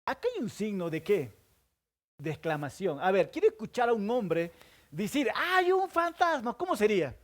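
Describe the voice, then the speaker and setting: Pastor preaching with dramatic swings. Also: male voice, sing-song, normal speed. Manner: asks the congregation questions and answers them himself; swings between loud stresses and hushed low asides. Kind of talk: sermon.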